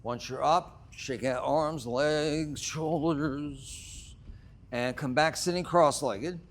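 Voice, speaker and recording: Slow-paced male breathwork instructor. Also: a little high. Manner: measured, short phrases with long pauses. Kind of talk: guided exercise instruction.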